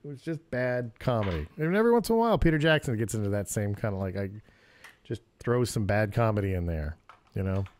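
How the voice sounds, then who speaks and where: A man's voice: on the low side, animated, fast talker, darkish tone, no room sound. Man, podcast co-host, casual laid-back chat, dry close sound. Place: a house.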